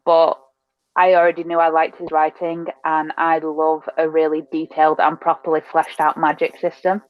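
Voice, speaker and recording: A woman's voice: deep voice, monotone, normal speed, no echo, highs cut off. A woman chatting enthusiastically about fantasy books with friends. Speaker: book club co-host. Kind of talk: casual book chat.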